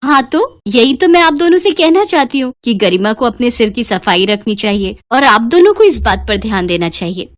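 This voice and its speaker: A woman playing a kind, lively schoolteacher. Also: a little high, normal speed, few pauses, dry recording, studio quality. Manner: encouraging, warm to pupils. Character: kind female school biology teacher. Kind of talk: cartoon voice acting.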